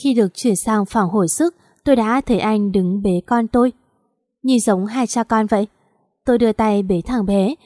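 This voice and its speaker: A woman's voice: medium pitch, darkish tone, no room sound. Woman reading a story, dry close sound. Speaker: audiobook narrator. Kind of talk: scripted first-person story narration.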